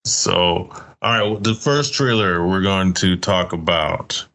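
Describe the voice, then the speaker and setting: A man hosting a podcast in casual chat, animated and joking, with slangy speech. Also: deep voice, measured pace, creaky. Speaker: podcast host.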